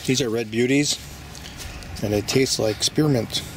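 A home gardener gives a casual walkthrough of his backyard garden, rambling in a folksy way as he thinks aloud. He speaks at a measured pace in a medium-pitched voice, filmed on a handheld phone camera with faint outdoor background noise.

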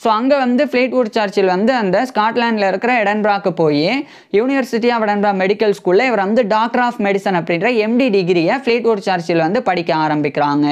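A man's voice: sits high, brisk. A young man presenting a history lesson in a casual, explanatory way, repeating each point and glossing technical terms in simpler words. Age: young adult. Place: indoor studio with green-screen news backdrop. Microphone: lapel mic.

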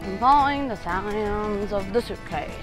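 A woman's voice: medium pitch, measured pace, over music. A woman traveling on location outdoors among sand dunes, chatting and thinking aloud into a clip-on mic. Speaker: host, blind traveler. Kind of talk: on-location casual chat.

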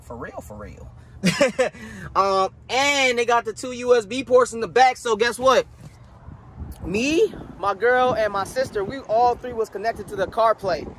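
A man's voice: very high voice, a little slow, rough recording. A man giving a casual, slangy and profane walkaround of a car, talking straight to his viewers while filming outdoors on a handheld phone. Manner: slangy, loose and profane, addresses viewers directly. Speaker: car vlogger. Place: outdoors beside a parked car. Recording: outdoor wind noise on the mic.

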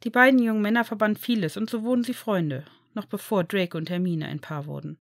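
A woman reading a fan fiction story aloud in an even storytelling manner. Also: mid-range voice, a little fast, no echo, clean studio sound. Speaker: audiobook reader.

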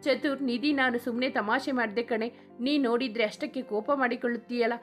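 A woman's voice: on the high side, steady tone, fast, faint music behind, lightly acted. A woman reading the lines of a teasing, charming young man in love in a story. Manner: teasing, joking.

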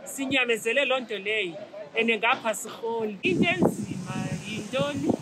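A woman's voice: on the high side, animated, normal speed, a crowd in the background, low-quality recording. A South African woman from a community patrol, speaking emphatically in a street interview outdoors, talking through a face mask. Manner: emphatic, mixes English into her speech. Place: outdoors on a busy city street. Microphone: camera mic, subject wearing a face mask. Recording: loud street noise.

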